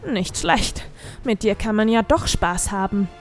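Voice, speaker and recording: A woman's voice: medium pitch, lively intonation, measured pace, soft background music. A woman voicing a mocking, vengeful male goat demon in an audiobook, with a taunting, gloating manner. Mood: amused.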